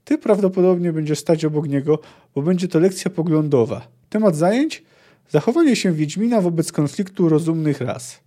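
A man reading a book aloud and voicing a gruff, blunt male dwarf who scolds and mocks a girl. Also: a little high, animated, normal speed, mellow, pitched above the performer's own voice. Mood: scolding.

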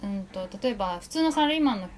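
A woman's voice: medium pitch, lively intonation, slight background noise. A woman hosting a podcast, chatting casually with a guest and agreeing often. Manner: chatty, quick, frequent agreeing interjections. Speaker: podcast host.

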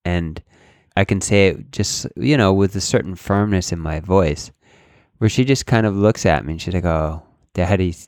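A man's voice: low voice, a little mellow, dry recording, studio quality. A man co-hosting a podcast, chatting casually and agreeing often. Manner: agreeable, quick affirmations. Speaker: podcast co-host.

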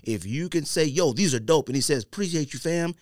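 An American man hosting a podcast tells a story in slang, acting out imagined quotes with animation. His voice is on the high side and brisk, captured as a dry, clean studio recording.

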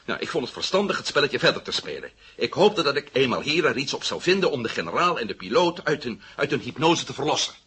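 A defiant, sarcastic adventurer. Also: male voice, mid-range voice, sing-song, fast talker, few pauses, breathy edge, full character voice. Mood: recounting. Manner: sarcastic, defiant, sharp swings in loudness. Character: defiant male adventurer under arrest, sarcastic.

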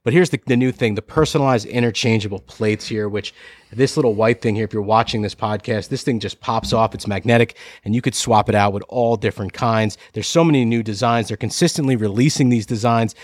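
A man's voice: lowish voice, a little fast, dry recording. A man co-hosting a golf podcast, eagerly rambling through a sponsor read. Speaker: podcast co-host.

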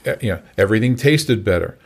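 Older man, recovery coach guest, low voice, halting delivery with lots of restarts. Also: expressive, creaky, breathy edge. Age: 60s. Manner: halting, many fillers and restarts. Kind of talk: casual conversation.

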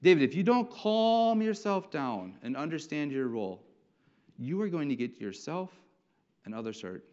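A preacher playing Eliab, a stern scolding older brother. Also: male voice, lowish voice, little pitch movement, very fast, hardly any pauses, dark tone, pitched below the performer's own voice, natural voice. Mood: stern rebuke. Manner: lecturing, rebuking, condescending. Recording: dull lo-fi sound.

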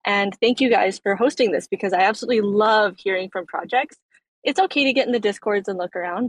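A woman's voice: mid-range voice, no room sound, rough recording. A woman from Canada calling in by phone while driving her car, polite and thankful as she asks a question. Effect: speaking by phone from a moving car. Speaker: caller on a live audio chat. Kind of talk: casual chat.

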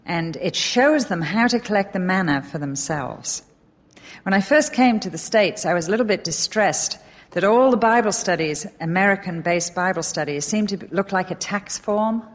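A middle-aged woman from England with an English accent, giving an animated, emphatic Bible teaching talk with a touch of self-deprecating humor. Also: on the low side, measured pace. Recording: long hall reverb.

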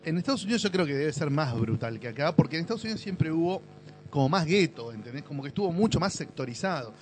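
A man's voice: a little high, animated, fast talker, faint music behind. A middle-aged Argentine man, a guest in a casual podcast chat, who explains at length with asides and tag questions. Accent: Argentine Rioplatense.

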